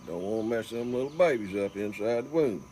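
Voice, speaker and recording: A man's voice: on the low side, lively intonation, fairly quick, mellow. A man with a Southern US accent, hosting folksy comic ad spots in a hammy, drawling way. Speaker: host of local advertising spots. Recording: faint background noise.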